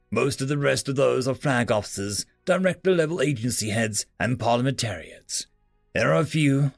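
A man voicing a calm male officer who briefs someone in a measured, formal way. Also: medium pitch, dry recording, studio quality. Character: calm male officer guarding state secrets.

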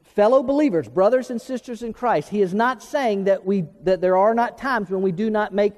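Older pastor preaching in a reverberant hall. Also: male voice, sits high, moderate pace. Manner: animated preaching with stammered repeats and asides. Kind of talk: sermon. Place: church sanctuary.

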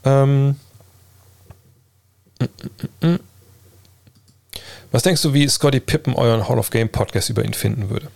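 A livestream host who also runs a basketball podcast chats casually, fielding viewer questions about basketball in colloquial talk laced with English slang and sports terms. His voice is medium-pitched and a little mellow, with vocal fry and long pauses at a moderate pace.

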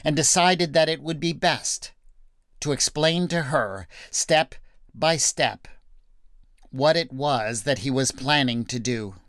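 A man narrating a retold Bible story in a measured, gentle storytelling manner. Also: a little high, no room sound, clean studio sound. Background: faint background music.

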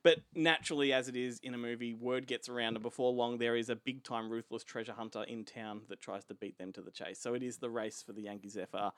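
A man's voice: medium pitch, steady tone, fast, hardly any pauses, fairly bright tone, no echo. An Australian man co-hosting a podcast, telling a film's story in casual chat and laughing often. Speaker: podcast co-host.

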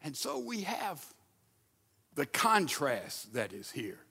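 A male pastor preaching a sermon, emphatic, with sudden loud bursts and repeated rhetorical questions. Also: a little high, huge pitch swings, slow pace, gravelly, breathy edge, big-room sound.

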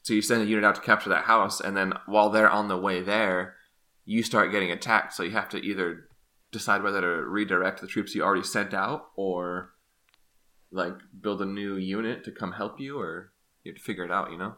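A man's voice: low-pitched, fairly even intonation, fairly quick, sharp tone. A man co-hosting a gaming podcast, explaining ideas in loose casual chat and laughing often. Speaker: podcast co-host.

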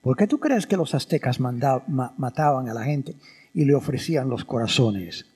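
A male priest preaching a sermon in an animated teaching manner, throwing rhetorical questions at the congregation. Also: mid-range voice, moderate pace, husky. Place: church. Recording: reverberant church hall.

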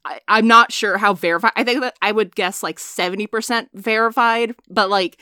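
Bright, gushing young woman swearing freely. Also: mid-range voice, a little fast, clear, resonant tone, dry recording, studio quality. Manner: gushing, swears a lot, laughs often. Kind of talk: casual fan chat.

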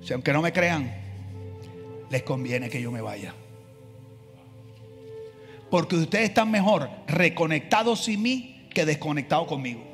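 Man, pastor, high voice, lively sermon, acts out dialogue, long hall reverb, faint music. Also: measured pace, pauses often.

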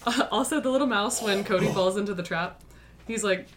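A woman co-hosting a casual podcast, chatty and quick with asides while recapping a film. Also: mid-range voice, slight background noise. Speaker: podcast co-host.

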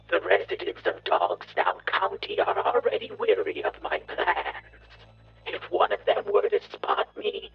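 Gravelly, pompous insect villain. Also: male voice, deep voice, muffled recording, exaggerated voice. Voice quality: gravelly, raspy. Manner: pompous, theatrical journal narration. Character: scheming male insect villain, grandiose and cruel. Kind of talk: dark comedy audio story.

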